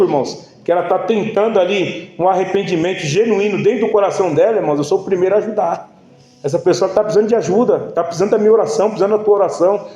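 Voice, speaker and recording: A man preaching to his congregation in a loose, heartfelt way, speaking to them as brothers. His voice sits a little high but sounds mellow and dark. The room is echoey, with faint music underneath. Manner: informal, emotional, addresses the congregation as brothers. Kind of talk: sermon. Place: church.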